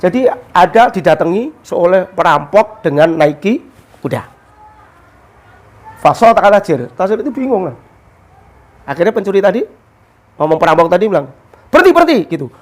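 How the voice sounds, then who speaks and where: A man's voice: high-pitched, moderate pace, long pauses. A man, a religious teacher explaining a story in casual talk and quoting Arabic texts. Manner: storytelling, mixes Arabic quotes with explanation, animated.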